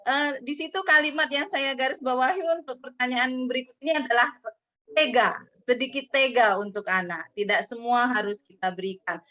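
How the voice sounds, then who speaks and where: A woman's voice: high-pitched, normal speed, a bit bright. A woman moderating an online parenting seminar over a video call, polite and friendly as she reads out the audience's questions.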